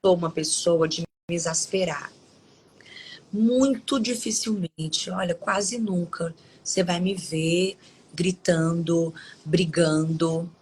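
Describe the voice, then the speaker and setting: A woman with a lowish voice hosts a devotional live stream. She talks in a loose, conversational way and pauses to read Bible verses aloud. A faint hiss sits under the voice. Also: darkish tone, poor audio. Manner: conversational, with frequent tag questions and restarts. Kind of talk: devotional talk and scripture reading.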